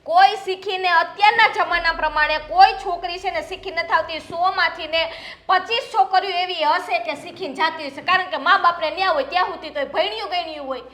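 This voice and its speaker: A sharp-tongued, quarrelsome daughter-in-law. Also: female voice, very high voice, a little fast, few pauses, roomy sound. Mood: arguing. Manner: argumentative, scolding.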